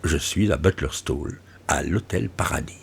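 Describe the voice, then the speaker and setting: A man playing a lovestruck man with a deep bass voice who speaks low and gently in this audiobook. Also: normal speed, gravelly, a little hiss or hum, exaggerated voice. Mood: tender.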